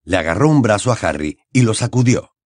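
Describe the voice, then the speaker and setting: A man narrating an audiobook in an expressive, dramatic storytelling manner. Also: lowish voice, a little fast, dry recording, clean studio sound. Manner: dramatic, varied storytelling delivery.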